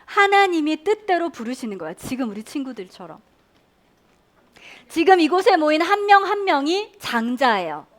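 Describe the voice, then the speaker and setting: Lively high-voiced woman preaching to children. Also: moderate pace. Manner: animated, questioning children and leading call-and-response. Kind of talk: Sunday school sermon for children. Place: church Sunday school room.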